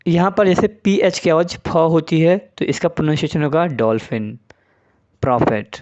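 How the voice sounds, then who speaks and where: A man's voice: a little high, normal speed, a little mellow, lo-fi sound. A man teaching English pronunciation in Hindi, patiently spelling out letters and saying example words one by one. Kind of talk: spoken English lesson in Hindi.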